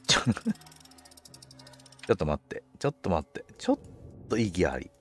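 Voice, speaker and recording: A man's voice: low-pitched, very animated, moderate pace, fairly bright tone, faint music behind. A man commentating on a game for a livestream, politely musing aloud to himself in casual chat. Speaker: game streamer.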